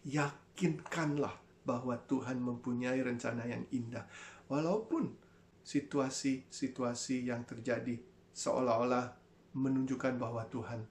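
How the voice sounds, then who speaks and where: Casual: lively pastor preaching a sermon online, acts out little voices, roomy echoey church sound. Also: mid-range voice, slight background noise. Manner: animated, addresses listeners as brothers and sisters, acts out voices.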